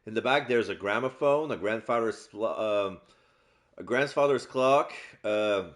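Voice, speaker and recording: A man doing casual let's play narration, describing game scenes aloud in a halting way. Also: fairly low pitch. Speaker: game streamer and voice-over player.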